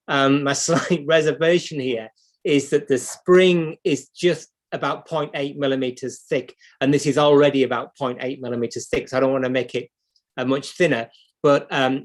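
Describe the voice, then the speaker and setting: A man with a British accent gives an unscripted, hands-on repair demonstration, explaining as he goes and thinking aloud. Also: mid-range voice. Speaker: clock repair instructor and livestream host.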